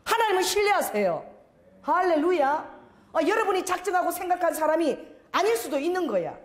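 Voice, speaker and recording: A woman's voice: very high voice, very animated, a little fast. A middle-aged woman pastor preaching a sermon, telling a story and acting out the voices in it.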